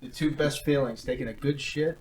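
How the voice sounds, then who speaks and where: A man's voice: mid-range voice, steady tone, a little fast. A man teasing and mocking his friends in crude casual podcast banter.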